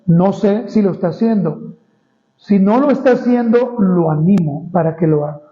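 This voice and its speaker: A man preaching an expository Bible sermon as pastor, reading scripture slowly and emphatically and often addressing the congregation as brothers. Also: high-pitched, dull audio.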